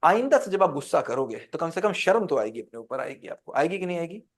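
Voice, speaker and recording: Man, high voice, teacher, interactive lecture, asks the class questions. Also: big pitch swings, quick pace. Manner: quizzes the class with call-and-response questions.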